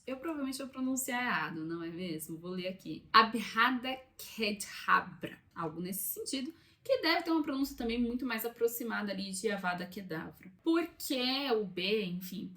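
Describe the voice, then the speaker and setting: A young adult woman with a Brazilian Portuguese accent, hosting a casual book vlog in a room by a window and chatting with asides to her viewers. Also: a little high. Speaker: book channel host. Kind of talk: casual talking-head vlog.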